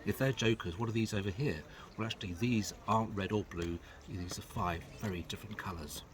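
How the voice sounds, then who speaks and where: Brief: middle-aged male card magician, lowish voice, casual chatty patter while demonstrating tricks. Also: brisk, a crowd in the background. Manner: chatty, explaining as he handles cards.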